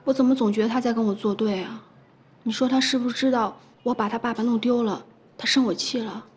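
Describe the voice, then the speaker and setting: An actress playing an anxious young mother in a TV drama, speaking softly. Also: on the high side, steady tone, fast talker, slightly rough. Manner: soft, anxious, soothing. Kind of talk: TV drama acting.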